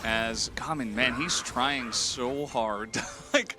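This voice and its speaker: A man's voice: medium pitch, slow pace. A man calling esports play-by-play, joking with his co-caster and rising with the action. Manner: lively, jokey, rises with the action. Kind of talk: play-by-play commentary. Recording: music bed under commentary.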